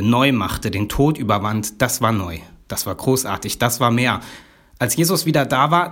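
Man preaching in a slow storytelling sermon. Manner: measured, dramatic pauses, drops to a low quiet voice.

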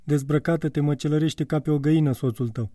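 A man's voice: on the high side, fairly even intonation, warm tone, no echo, clean studio sound, distant mic, natural voice. A man reading an audiobook, voicing an urgent, commanding young woman.

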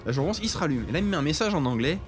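Young male podcast co-host, casual storyteller, voice a bit high, quick to laugh. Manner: animated storyteller, acts out messages, laughs often.

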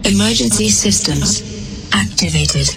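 A woman voicing a calm female spaceship computer whose robotic, glitching voice flatly announces commands and warnings. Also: medium pitch, unhurried, creaky. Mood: mechanical. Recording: voice over loud electronic music. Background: loud dubstep music.

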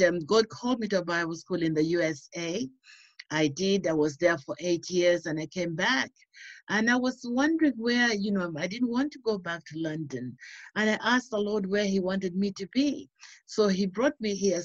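A woman's voice: lowish voice, dry recording, lo-fi sound. A woman from Uganda, a radio guest, earnestly telling her faith story with frequent "you know". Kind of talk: personal testimony.

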